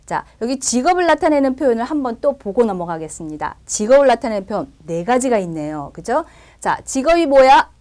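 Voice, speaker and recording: Woman language teacher with a lively, up-and-down voice, patient and step-by-step. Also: on the high side, fairly quick. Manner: explains step by step, often checks with "그죠?". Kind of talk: recorded language lesson.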